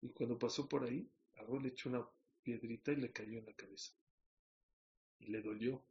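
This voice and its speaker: Man, preacher, sermon, rough gravelly voice, mid-range pitch. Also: steady tone, a little fast, dull audio. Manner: storytelling with questions to the audience.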